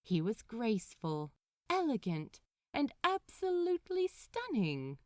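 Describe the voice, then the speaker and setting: A podfic narrator, a woman, performs scripted fiction with lively, highly varied intonation, taking her time and shaping each phrase for dramatic effect. The recording is dry, with no room echo.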